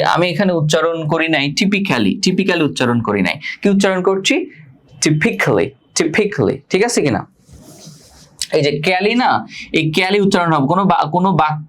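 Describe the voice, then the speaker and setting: A man with a Bangladeshi accent teaching an English lesson to exam students, repeating key words and asking and answering his own questions. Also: on the high side.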